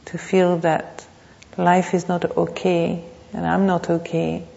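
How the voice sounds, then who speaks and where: A woman gives an unscripted dharma talk as a meditation teacher, speaking reflectively and haltingly, with pauses and repeated phrases. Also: on the low side, monotone, creaky, dark tone. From Thailand. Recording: muffled, reverberant hall.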